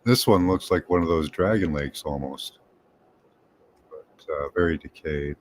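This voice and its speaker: A man giving unhurried, tentative commentary over images, thinking aloud with pauses and hums. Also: rumbling low. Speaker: remote viewing presenter.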